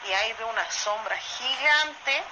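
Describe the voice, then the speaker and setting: A woman with an Argentine accent from Salta, telling a true story in a voice message in a lively way, often asking "¿viste?". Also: a little high, a little slow. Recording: muffled voice message with loud noise.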